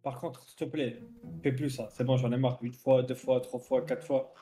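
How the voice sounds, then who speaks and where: A man's voice: mid-range voice, flat delivery, normal speed, dark tone, soft background music. A man in casual, argumentative chat, reasoning insistently in slang with an exasperated, teasing edge.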